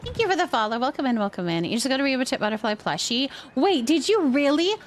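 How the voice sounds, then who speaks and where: This woman has a high, sing-song voice and talks fast. Hosting a game livestream, she chats casually while playing a building game, reacting to her viewers and thinking aloud.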